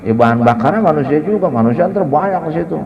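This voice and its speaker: A man's voice: a little high, animated, fast talker. A man giving a casual Ramadan sermon in a mosque, mixing Arabic recitation with chatty, joking storytelling. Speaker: ustadz giving a Ramadan study. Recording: dull lo-fi recording.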